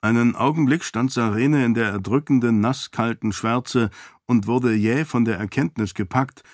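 A man narrating a novel as an audiobook in a calm, even storytelling manner. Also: medium pitch, moderate pace, dry recording, clean studio sound. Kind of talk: scripted narration.

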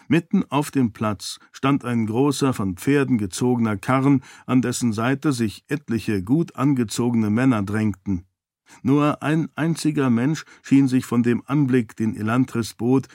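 A man with a mid-range voice narrates an audiobook in a steady, measured reading. The scripted narration is dry and recorded with clean studio sound.

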